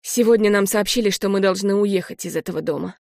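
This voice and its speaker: A woman voicing a grave, kindly middle-aged male vicar who speaks slowly and solemnly. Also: mid-range voice, gravelly, a little mellow, no room sound, clean studio sound, close to an everyday voice.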